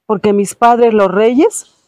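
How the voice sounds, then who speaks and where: A grieving prince turned statue from a fairy tale, gentle and full of regret, told by a woman. He speaks softly in a raised, light voice, recorded close and dry. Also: a little high, fairly even intonation, takes it slowly, dry recording. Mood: sorrowful. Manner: soft, sorrowful storytelling.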